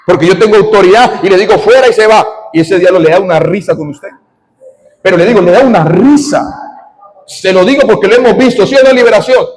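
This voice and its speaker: A man, preaching a sermon as pastor, animated, quizzing his congregation and breaking into shouts. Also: high-pitched, long reverb tail, low-quality recording. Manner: animated, asks the congregation questions, shouts in bursts.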